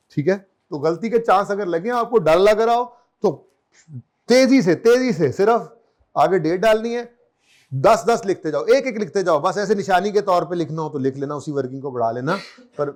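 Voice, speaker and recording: A man teaching an accounting class in a classroom, chatty and joking, counting years aloud and quizzing his students. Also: on the high side. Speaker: accounting lecturer. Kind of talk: classroom lecture. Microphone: recorded lecture.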